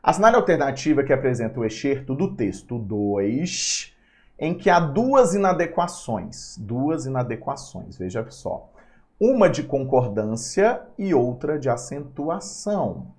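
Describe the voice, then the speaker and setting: A man's voice: medium pitch, a little slow. A man teaching an exam-prep grammar lesson, playful and chatty, often talking to himself. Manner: lively, playful, talks to himself.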